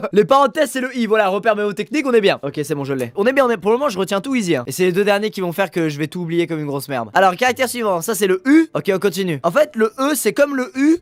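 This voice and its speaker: A man hosting a gaming video, giving excitable, crude, joking commentary full of swearing. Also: sits high, quick pace, hardly any pauses, no echo.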